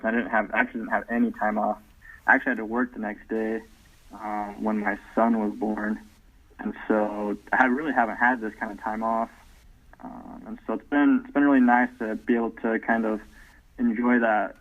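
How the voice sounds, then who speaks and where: A man in his thirties, a guest in a casual interview, talking easygoingly with lots of "um" fillers over low-quality remote call audio. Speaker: podcast guest. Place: at home, away from the host. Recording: tinny phone-like remote line.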